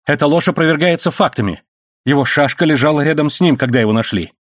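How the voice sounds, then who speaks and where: A man's voice: quick pace, no echo, clean studio sound, close to an everyday voice. Man voicing a frantic pleading young nobleman. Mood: indignant. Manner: frantic, high-strung pleading.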